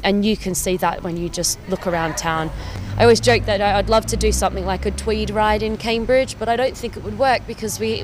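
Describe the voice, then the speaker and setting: Against a noisy background on a city street, a woman in her thirties from Perth, Western Australia, talks casually to camera about her life. She is a cycling campaign officer with an Australian accent and a medium-pitched voice, chatty and enthusiastic, breaking into small laughs.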